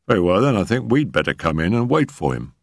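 A man voicing a brisk, commanding male police inspector who gives curt orders. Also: lowish voice, sing-song, creaky, no echo, clean studio sound, exaggerated voice. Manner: brusque, commanding.

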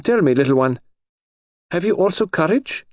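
A stout, dignified older princess, solemn and a touch fussy, voiced by a man. The pitch rides up well above his own, with a lively lilt. Dry, close sound. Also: moderate pace, dry recording, close to an everyday voice. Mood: probing. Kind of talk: audiobook character voice.

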